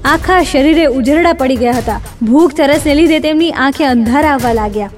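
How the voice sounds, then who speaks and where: A woman narrating a devotional folk tale in a measured, dramatic storytelling manner. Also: sits high. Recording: distant mic, faint music.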